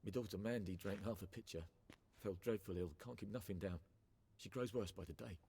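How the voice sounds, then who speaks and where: An actor playing a worried peasant father in a video game, speaking in rustic dialect and pleading for help with a husky voice. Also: lowish voice, fairly quick, warm tone.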